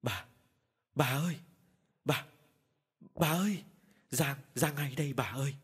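A man's voice: mid-range voice, expressive, measured pace, husky. A man doing a domineering old village man. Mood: frightened. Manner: barking and domineering, stammering when scared. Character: old rich village man, overbearing, then terrified. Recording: long hall reverb.

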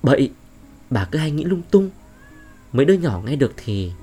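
A man voicing a gruff middle-aged father who brushes off his wife's fears curtly. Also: a little high, very animated, normal speed, mellow, faint music behind. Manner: brusque, scolding.

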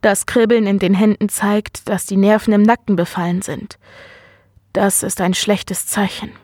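A woman reading the lines of a calm, earnest male doctor in a measured, serious way. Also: mid-range voice, no room sound, studio quality, close to an everyday voice. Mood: grave.

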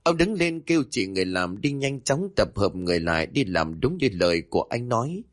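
A man narrating a ghost story with an animated reading manner. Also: on the low side, fairly quick, no room sound, clean studio sound.

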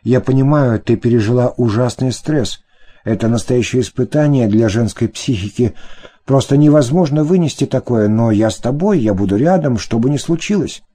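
A man's voice: mid-range voice, expressive, normal speed, dark tone, husky. A man voicing a hypocritical husband who talks in an ingratiating, whining way in an audiobook. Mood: fawning.

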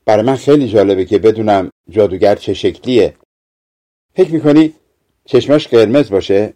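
A man's voice: fairly low pitch, dark tone, close to an everyday voice. A man reading aloud, voicing a frightened young girl who speaks timidly and worriedly. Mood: curious.

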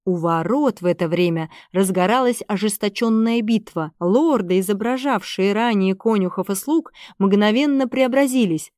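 A woman narrating an adventure audiobook in a lively, expressive way. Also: medium pitch, moderate pace, hardly any pauses, no room sound, studio quality. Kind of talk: scripted narration.

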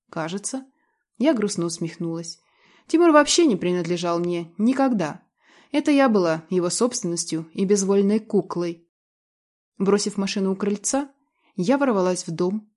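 A woman's voice: medium pitch, a little mellow. A woman reading a dramatic novel aloud in the first person, in a tense, emotional way. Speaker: audiobook narrator.

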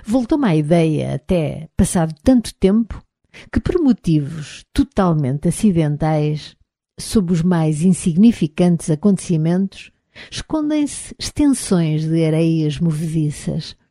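A woman reads an audiobook in a European Portuguese accent with a measured, even delivery. Her voice is somewhat low and very dark and mellow. The recording is dry and close to the mic. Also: no echo. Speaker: audiobook narrator. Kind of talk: scripted audiobook narration.

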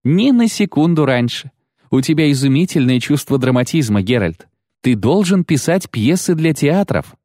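A man's voice: low-pitched, moderate pace, warm tone, no room sound, clean studio sound. A man voicing a flamboyant, theatrical male bard in an audiobook. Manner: exclamatory, theatrical.

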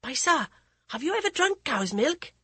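A woman's voice: high voice, sing-song, normal speed, pushed and bright, dry recording, pitched above the performer's own voice, exaggerated voice. A woman narrator voicing a bold ten-year-old village boy in a storybook. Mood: teasing.

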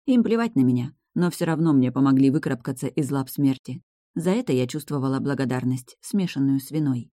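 Mellow audiobook narrator. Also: medium pitch, expressive, brisk, no room sound, clean studio sound. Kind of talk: first-person fantasy novel narration.

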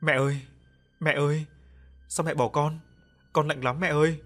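A man voicing a pleading, vengeful ghost boy in an audio ghost story, wailing loudly. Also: mid-range voice, fairly even intonation, normal speed, faint music behind, lightly acted. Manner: wailing, heightened and loud.

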